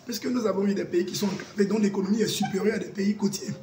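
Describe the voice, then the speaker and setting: A high-pitched man delivers political commentary. His manner is emphatic and oratorical, leaning on repeated phrases. The recording is roomy and echoing, with clear background noise. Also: fairly even intonation, quick pace, warm tone. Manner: emphatic, oratorical, with repetition and proverbs.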